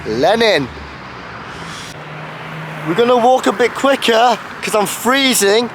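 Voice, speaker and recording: A man narrates his travel vlog straight to a handheld camera on a wintry city street, shivering with cold. His voice sits fairly high and his delivery is chatty and informative. Faint traffic hums in the background. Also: expressive, slow. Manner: chatty, informative, self-filming. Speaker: travel vlogger. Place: outdoors in a city street in winter.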